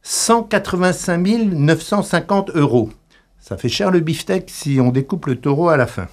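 Theatrical man with a lively, swooping voice. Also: fairly high pitch, normal speed. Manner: theatrical, mock bullfight commentary with cries of olé; sly storytelling with asides to listeners. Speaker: radio columnist. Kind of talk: comic monologue.

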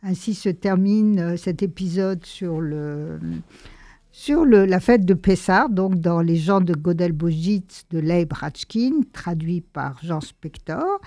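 A woman radio host reading a story aloud and adding commentary, measured with some hesitant fillers. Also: on the low side, lively intonation, dark tone, no echo, clean studio sound.

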